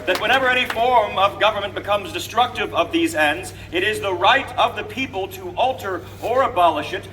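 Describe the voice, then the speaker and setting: Stately colonial statesman played by a male reenactor, high forceful voice, formal theatrical proclamation, recorded outdoors from a distance. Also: animated, crowd noise, noisy background. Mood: rousing, proud. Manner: declamatory, deliberate phrasing, formal. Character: Thomas Jefferson, stately male orator proclaiming the Declaration of Independence. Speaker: historical reenactor. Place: outdoors, speaking from a balcony to a gathering. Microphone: distant camera microphone.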